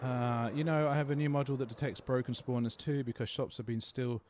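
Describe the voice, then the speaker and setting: A man's voice: medium pitch, fairly even intonation, fairly quick, background noise. Laid-back London man streaming. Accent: London English. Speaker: gaming streamer. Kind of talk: casual livestream chat, answering viewer questions.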